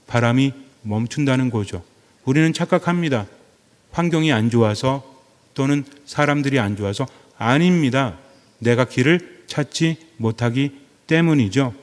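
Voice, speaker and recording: Man preaching in a reverberant hall. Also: medium pitch. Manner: asks the congregation questions and repeats phrases for emphasis. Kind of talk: sermon.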